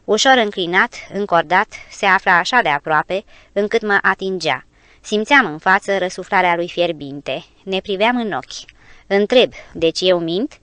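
A woman narrating an audiobook adventure tale in measured, expressive storytelling. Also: medium pitch, no room sound.

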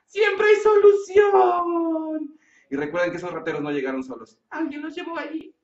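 A man voicing a calm male puppet sweetheart who reassures earnestly. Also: extremely high pitch, normal speed. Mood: soothing. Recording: roomy, distant, dull sound.

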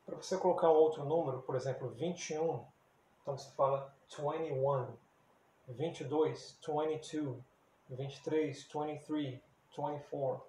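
A man from Brazil giving a casual spoken lesson as an English teacher, speaking slowly and deliberately and repeating words for practice. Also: on the high side, steady tone, mellow. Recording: echoey room with faint ambient noise.

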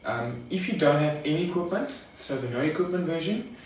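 A young adult coach leads a workout demonstration in his garage home gym, calling viewers "guys" in a casual, instructional tone. His voice sits on the high side, a little mellow, brisk and lively in intonation. Recorded by a camera a few metres away, it sounds echoey and distant, with faint noise.

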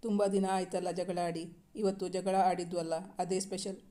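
A tender young husband in a storybook reading, coaxing and teasing his wife in a quiet, even voice, as a woman reader puts him on. The tone stays dark and mellow and barely rises or falls. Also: fairly low pitch, normal speed, close to an everyday voice.

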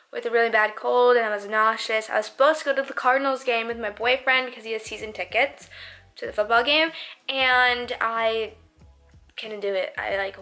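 A woman's voice: on the high side, bright, forceful tone. A young woman in her twenties, chatting casually to camera in a lifestyle vlog, bubbly and full of "like" fillers. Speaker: beauty and lifestyle vlogger.

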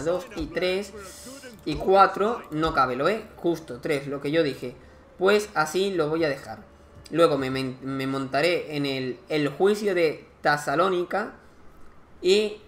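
A man's voice: fairly high pitch, a bit bright. Chatty man playing a strategy game. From Spain. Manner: chatty, thinking aloud, counting units and resources. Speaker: gaming commentator. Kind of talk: casual let's-play commentary.

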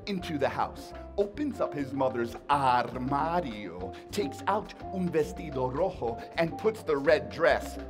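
A man's voice: mid-range voice, animated, unhurried, few pauses. A man telling folk tales to a live audience, playful and dramatic, mixing Spanish phrases into his English. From New York City. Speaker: storyteller. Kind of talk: lively storytelling performance. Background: salsa music.

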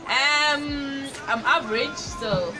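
A woman's voice: high-pitched, extremely slow, a crowd in the background. A young Nigerian woman with a Nigerian accent, hosting her vlog in giggly casual chat. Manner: giggly, chatty. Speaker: YouTuber host. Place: small indoor room before a patterned cloth. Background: music.

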